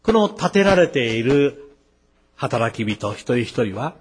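A man, a pastor, preaching a sermon, lifting his voice sharply on key words and dropping into quick asides. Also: medium pitch, very animated, breathy edge.

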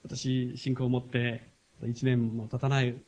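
A man preaching a sermon, firing rhetorical questions at the congregation and swinging from loud emphatic passages to soft, confiding asides. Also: medium pitch, level tone, a little slow.

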